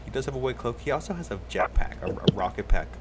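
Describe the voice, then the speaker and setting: A man's voice: mid-range voice, expressive, fast talker, a little hiss or hum. A man running a tabletop game as game master, explaining rules and describing scenes at length.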